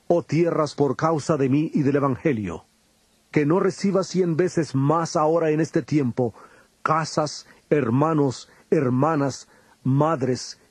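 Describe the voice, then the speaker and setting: An actor playing Jesus as a grave, patient teacher in a dramatized audio Bible, speaking in a solemn, measured way. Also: male voice, on the high side, darkish tone, breathy edge, no echo. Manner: solemn, deliberate, measured delivery.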